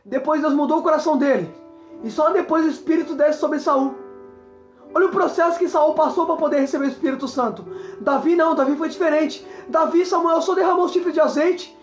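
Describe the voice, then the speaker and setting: A woman's voice: high-pitched, a little fast, reverberant, soft background music. A woman preaching a sermon, talking emphatically, repeating herself and breaking into exclamations. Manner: emphatic, repetitive, exclaims often. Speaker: evangelist preacher.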